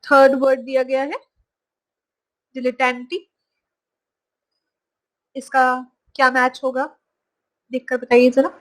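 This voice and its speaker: A woman teaching English vocabulary from slides, saying each word slowly and repeating it. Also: high voice, little pitch movement, poor audio. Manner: slow, drawn-out pronunciation of each word, repeated. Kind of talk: slide-based vocabulary lesson.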